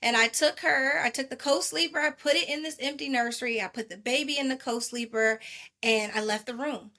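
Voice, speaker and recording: A woman speaking as a podcast guest, an animated storyteller who acts out quotes from her own life. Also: sits high, brisk. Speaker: podcast guest, maternal wellness advocate. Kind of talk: casual podcast interview.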